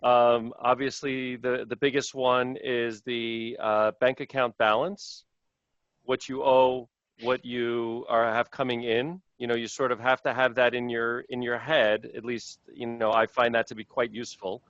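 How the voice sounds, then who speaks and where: A man's voice: medium pitch, flat delivery, unhurried, fairly bright tone, no room sound. Man answering webinar questions, dull line. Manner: conversational, thinking aloud with hedges. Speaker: panelist, manufacturing business owner.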